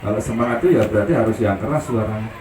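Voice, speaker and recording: A man hosting a children's coloring contest, leading the kids in energetic call-and-response chants. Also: lowish voice, very fast. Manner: energetic cheerleading, chanting and shouting prompts. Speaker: event host and organizer. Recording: echoey far-off PA with loud noise.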